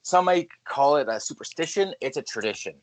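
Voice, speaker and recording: A man co-hosting a podcast, chatting casually about hockey and telling lively stories with plenty of swearing. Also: a little high, fairly quick. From Canada. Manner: lively storyteller, swears freely. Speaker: podcast co-host. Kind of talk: casual sports chat.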